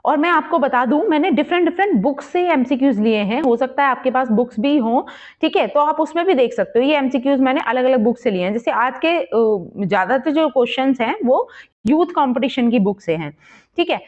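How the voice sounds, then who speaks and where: A woman teaching English literature exam prep, explaining step by step and posing quiz questions, reading English passages slowly. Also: sits high, animated, highs cut off. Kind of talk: exam-prep lesson in Hindi-English mix.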